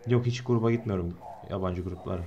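A young man commentating his own gameplay, swearing a lot and swinging from low muttering to high-pitched yelling. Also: quick pace, highs cut off. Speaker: gameplay streamer.

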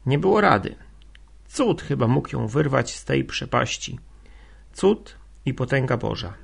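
A man narrating a classic novel as an audiobook in a steady reading manner. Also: medium pitch, a little slow, gravelly, breathy edge.

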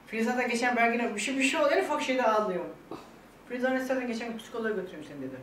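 An older woman talks quickly and with feeling, tearful one moment and laughing the next. She is recorded from some distance in an echoey room with faint noise behind her. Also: fairly high pitch, fairly bright tone. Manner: tearful and laughing by turns, quoting others. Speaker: vlog guest talking about her illness. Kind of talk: emotional casual chat.

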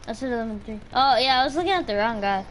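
A woman streaming a shooter game with a friend, chatting casually with sudden excited outbursts. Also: fairly high pitch, very fast, slight background noise. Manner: excited outbursts between calm play talk. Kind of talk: casual gaming chat.

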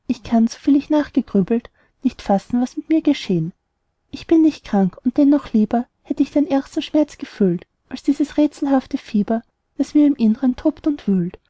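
A woman's voice: high voice, warm tone, dry recording. A woman voicing a lovesick, stubborn young man in an audiobook, delivering rhymed verse earnestly.

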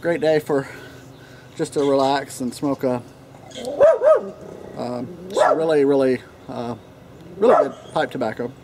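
A pipe tobacco reviewer from Tennessee rambles in an unhurried, casual vlog style, his voice at an average male pitch with frequent pauses. He sits on an outdoor wooden deck in a leafy yard, a few feet from the camera, with birds chirping and an occasional barking dog. The light natural ambience comes with a noisy background.

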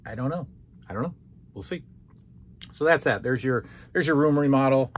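A man's voice: mid-range voice, normal speed, a little hiss or hum. A man in his thirties, giving a casual rambling room tour while walking around and filming with a handheld phone in a small basement room. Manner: rambling, self-questioning. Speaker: collector vlogger. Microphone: phone held at arm's length.

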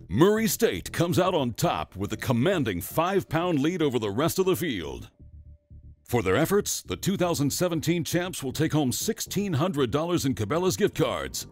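A man giving scripted voice-over narration for a fishing tournament broadcast. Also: fairly high pitch.

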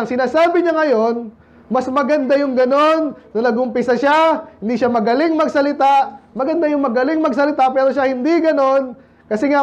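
A man's voice: extremely high pitch, darkish tone, highs cut off. A man preaching a sermon in a conversational way, often asking the congregation questions and quoting English scripture. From Philippines. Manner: mixes English scripture quotes into Tagalog. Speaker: pastor.

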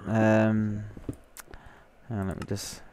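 A man's voice: fairly low pitch, monotone, slow, darkish tone, soft background music. A man giving live gameplay commentary, nervous and jittery, often exclaiming and repeating himself. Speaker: gaming video host.

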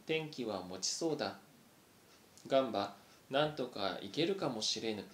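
A man reading aloud, voicing a scholarly male mouse who speaks quietly and measuredly, in a roomy recording. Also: medium pitch, lively intonation, moderate pace, slight background noise, close to an everyday voice. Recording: roomy echo.

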